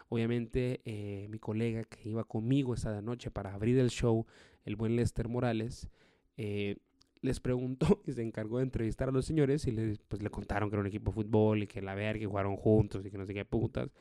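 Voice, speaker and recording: A man, a stand-up comedian telling a story in a profane, animated way. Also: fairly low pitch, fairly quick, clear, resonant tone, no room sound, clean studio sound. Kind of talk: storytelling monologue.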